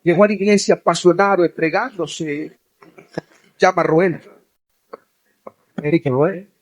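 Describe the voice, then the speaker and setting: A male evangelist preaching a sermon, speaking straight to young listeners and building to forceful, near-shouted exhortation. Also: fairly high pitch, measured pace. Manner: addresses listeners directly as young people.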